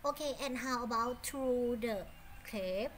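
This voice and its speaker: A woman with a Thai accent teaching English to children online, giving warm praise and speaking her English slowly. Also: a little high, slight background noise. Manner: warm praising, switches between Thai and English, slow deliberate English.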